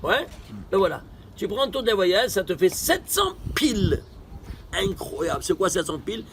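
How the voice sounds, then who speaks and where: Speaking at normal speed with big swings in pitch, a high-voiced man teaches a Torah study lesson. He fires rhetorical questions and supplies his own answers, moving from forceful bursts to soft asides as traffic hums faintly behind.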